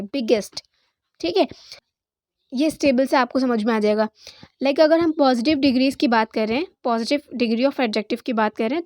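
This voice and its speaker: Woman grammar teacher, high voice, dry close sound, Hindi-Urdu with English terms. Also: a little mellow, dry recording, low-quality recording. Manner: explains in Hindi-Urdu mixed with English, says "theek hai" often. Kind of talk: online grammar lesson.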